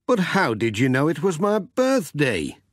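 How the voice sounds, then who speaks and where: Friendly, puzzled village postman played by a male reader for a children's audiobook; animated, slow delivery, close dry sound. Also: fairly high pitch, no room sound, voice pushed up. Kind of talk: children's storybook character voice.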